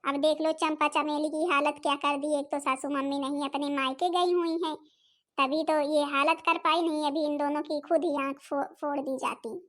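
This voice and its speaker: A woman's voice: sits high, fairly even intonation, moderate pace, fairly bright tone. A woman voicing a scolding middle-aged elder sister-in-law in a cartoon, chattering and talking to viewers. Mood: chatty. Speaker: narrator figure addressing viewers. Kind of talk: Hindi cartoon voice acting.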